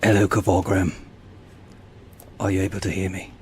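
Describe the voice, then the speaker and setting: A man's voice: little pitch movement, moderate pace. A man chatting casually over a game while speaking in a put-on army voice that his partner finds odd. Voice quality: low, unusual-sounding voice. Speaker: gamer streaming a multiplayer game. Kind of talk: casual gameplay commentary.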